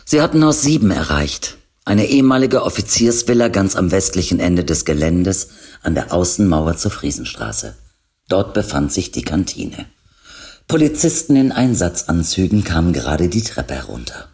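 Expressive male audiobook narrator. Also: low voice, moderate pace. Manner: lively, expressive reading. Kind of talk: scripted narration.

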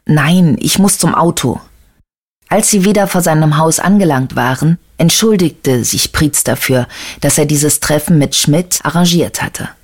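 An audiobook narrator reading a crime novel with even, measured storytelling. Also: medium pitch. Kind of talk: scripted narration.

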